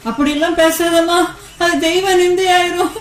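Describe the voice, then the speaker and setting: A woman playing a gentle friend who speaks soothingly to comfort the widow. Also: extremely high pitch, fairly even intonation, moderate pace.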